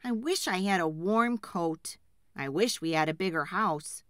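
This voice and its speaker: A woman voicing a poor, tired adult male woodcutter in a children's storybook, speaking loudly and earnestly. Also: fairly low pitch, expressive, measured pace, clean tone, dry recording, clean studio sound. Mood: wishful.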